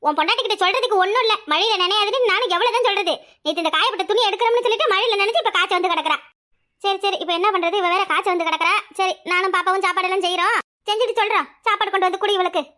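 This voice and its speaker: Woman voicing a shrill nagging mother-in-law. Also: racing, sharp tone. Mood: scolding. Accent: Kanyakumari Tamil. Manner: nagging, sarcastic. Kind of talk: cartoon comedy acting.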